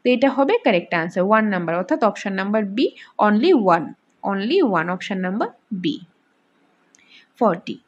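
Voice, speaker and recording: A woman teacher running an exam practice lesson, reading each English option slowly and then explaining it in Bengali. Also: medium pitch, very animated. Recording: dull lo-fi recording.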